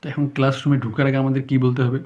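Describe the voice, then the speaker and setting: A man teaching spoken English, speaking slowly and deliberately, often checking that listeners follow, unscripted and sometimes stumbling, with a Bengali accent. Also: medium pitch, little pitch movement, darkish tone. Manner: slow, deliberate explaining with frequent checks. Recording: slightly dull sound, faint background music.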